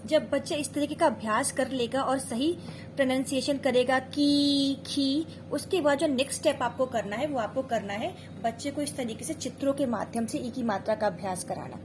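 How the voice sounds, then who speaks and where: Woman, high voice, instructional lesson, patient, explains step by step, sounds out syllables slowly. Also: noisy background. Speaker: teacher and mother. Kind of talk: instructional lesson for parents and teachers.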